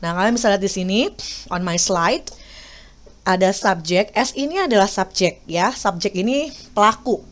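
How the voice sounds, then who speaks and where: Indonesian woman teaching an English lesson. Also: mid-range voice. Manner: patient, explaining and repeating slowly with many fillers. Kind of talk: classroom video lesson.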